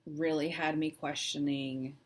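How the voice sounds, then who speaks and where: A woman vlogger chatting casually and personally, halting and hesitant with long pauses, sounding shaky and close to tears. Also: low voice, flat delivery. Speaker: cross-stitch vlog host. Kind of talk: casual personal chat to camera.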